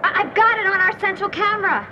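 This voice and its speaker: An actress playing a brisk, fearless woman reporter in a 1980s audio drama, with a sharp, demanding delivery. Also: extremely high pitch, noisy background. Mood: amazed. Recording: dull cassette sound with music.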